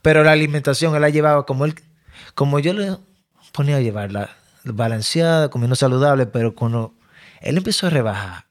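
A man, a fitness coach in a casual podcast chat, explaining things in a relaxed way. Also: mid-range voice, fairly quick.

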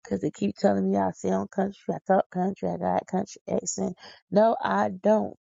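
With a medium-pitched, dark, slightly rough voice, vocal fry and a flat delivery at moderate pace, this Philadelphia podcast host rambles casually. She sounds tired, silly and folksy, exclaiming often, in a dull, dry lo-fi recording with no echo.

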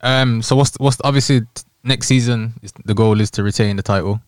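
A man chatting casually as an interviewer, in a hesitant, halting way. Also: medium pitch, dry recording, clean studio sound. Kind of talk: casual chat.

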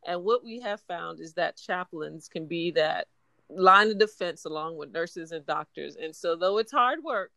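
A woman's voice: lowish voice, expressive, measured pace, vocal fry, no room sound. A woman hospital chaplain speaking earnestly about her faith and work. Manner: warm, earnest, faith-filled. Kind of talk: casual interview chat.

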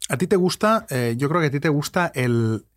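A man, hosting an interview and asking quick, friendly questions. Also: fairly high pitch, lively intonation. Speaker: podcast host, interviewer. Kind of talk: casual interview.

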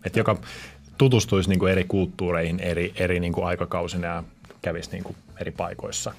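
A man co-hosting a podcast, asking questions and answering in a relaxed, hesitant way with many fillers. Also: deep voice. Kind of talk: casual podcast chat.

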